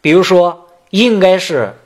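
A man teaching as a Buddhist teacher in a sutra lecture, explaining terms point by point and chanting the verse lines slowly. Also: high voice, expressive.

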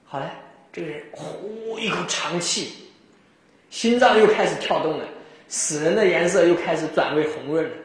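A man delivers a Buddhist dharma talk, telling animated stories in a fairly high voice. He chuckles often as he speaks. The recording is swamped by the echo of a very reverberant room. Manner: animated storytelling, frequent chuckles. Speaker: Buddhist teacher. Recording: very echoey room.

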